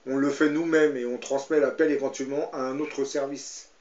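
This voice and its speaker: A man speaks in a mid-pitched voice, part commentary and part Bible storytelling. He hesitates often and fills his sentences with fillers and tag questions. The recording is echoey and a bit muffled. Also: steady tone, fairly quick, a little mellow. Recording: roomy, slightly dull sound.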